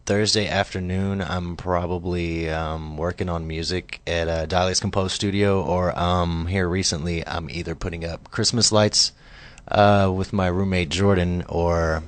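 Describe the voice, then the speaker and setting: Laid-back deep-voiced guy. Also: steady tone, a little slow, dry recording. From Texas, USA. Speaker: musician guest. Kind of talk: casual chat.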